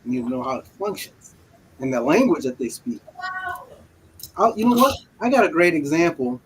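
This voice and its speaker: A man whose first language is Creole, telling a personal story in casual live talk-show chat, animated and emphatic, often repeating himself. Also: fairly high pitch, normal speed, slight background noise. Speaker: co-host.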